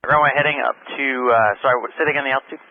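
Man, pilot talking through cockpit headset radio, quick clipped calls, tinny radio line, loud static. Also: medium pitch, fairly even intonation. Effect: pilot speaking over cockpit headset radio. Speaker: airline pilot on air traffic radio. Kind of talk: air traffic radio exchange.

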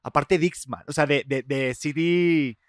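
A man in his thirties from Spain, with a Spanish accent softened by Mexican speech, hosting a casual podcast chat in a jokey, chatty way. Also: on the high side, dry recording, studio quality. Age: 30s. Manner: jokey, chatty, quick to laugh. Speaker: podcast host.

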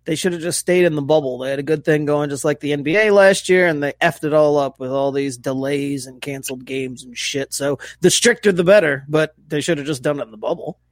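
A man co-hosting a casual sports podcast, blunt, opinionated and quick to swear. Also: a little high, dry recording, studio quality. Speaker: podcast co-host.

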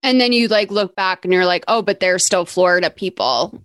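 This podcast host is a Massachusetts woman recapping a film in a chatty, rambling way, dropping "like" constantly. Her voice is fairly low and fairly bright, and she talks a little fast. The recording is clean studio sound with no echo.

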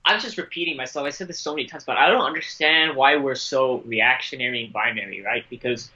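A man's voice: mid-range voice, quick pace, bright, forceful tone. A man giving opinionated football analysis on a podcast in a conversational, emphatic way, on a slightly lo-fi line. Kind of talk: casual sports discussion.

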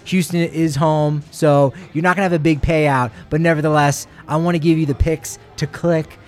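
A man's voice: fairly high pitch, fairly even intonation, normal speed, soft background music. A man co-hosting a sports show, chatting casually and rambling through sponsor plugs with jokey asides.

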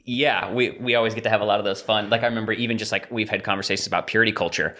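Bright-sounding co-host guy, lowish voice, agrees a lot. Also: steady tone, racing. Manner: agreeable, chatty, lots of affirmations. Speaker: podcast co-host. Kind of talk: casual conversational discussion.

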